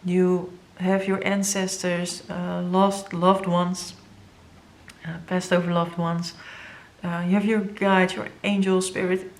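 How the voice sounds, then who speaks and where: A woman with a Dutch first language giving an earnest, halting tarot reading to viewers, with many fillers and moments where she grows emotional. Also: on the low side, flat delivery. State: emotional, near tears. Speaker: tarot reader.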